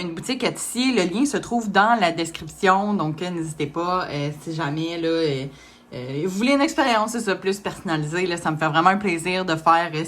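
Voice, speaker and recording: A woman's voice: on the low side, fairly bright tone. Hesitant woman reading tarot. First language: French. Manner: hesitant, many fillers, light laughs. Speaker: tarot reader.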